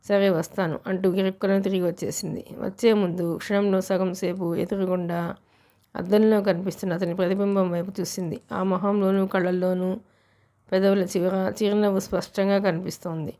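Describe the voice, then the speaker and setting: A woman's voice: medium pitch, flat delivery, a little fast, warm tone. A woman narrating a novel as an audiobook reader, telling the story steadily.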